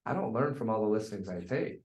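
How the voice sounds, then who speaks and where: This real estate sales coach talks to a group a little fast, with a fairly low, darkish voice and lively intonation. His delivery is blunt and emphatic, full of repeated phrases, and the room echoes.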